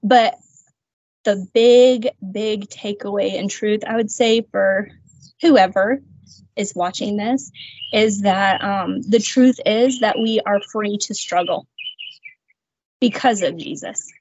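A woman's voice: mid-range voice, slow, darkish tone, no room sound. A woman, a guest on a faith podcast, telling her personal testimony in an earnest, reflective way, with light laughs. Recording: slightly muffled, dry sound.

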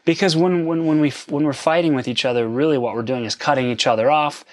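A man who lives in an RV park co-hosts a relationship advice podcast, speaking earnestly and casually with some self-deprecation. His slightly high voice moves fast and becomes emphatic when he quotes arguments, in a dry recording.

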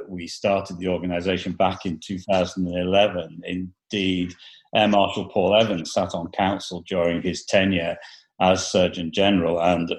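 A man's voice: deep voice, vocal fry. A man interviewing a guest over a remote call, courteous, with small restarts. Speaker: interviewer, chief executive.

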